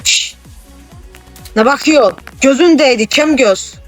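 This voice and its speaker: A gaming channel host giving excitable, casual let's-play commentary, exclaiming and teasing a co-player. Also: high voice, a little slow, soft background music.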